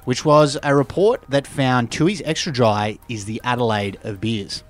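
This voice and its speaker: An Australian man anchoring a mock news bulletin, straight-faced and deadpan. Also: mid-range voice, normal speed. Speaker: news anchor of satirical show.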